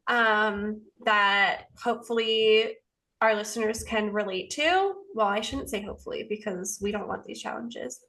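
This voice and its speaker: A woman co-hosting a podcast in casual chat, laughing often and tossing in quick asides. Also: a little high, fairly bright tone. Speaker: podcast co-host.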